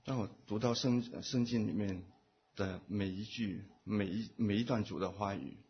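A man giving a personal testimony at a church meeting, speaking in short phrases and pausing for an interpreter. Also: lowish voice, a little hiss or hum. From Taiwan. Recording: muffled lo-fi recording.

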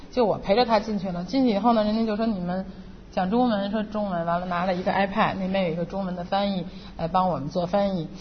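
A middle-aged woman giving an earnest, emotional personal testimony at church. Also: medium pitch. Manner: earnest and emotional, re-enacting her own prayers. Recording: muffled, reverberant hall with faint noise.

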